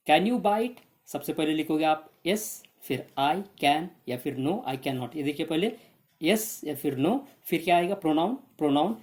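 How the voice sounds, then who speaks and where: A woman teaching English to students in an exam revision lesson, with an Indian English accent, switching between Hindi and English and slowly repeating example words. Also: sits low, a little mellow.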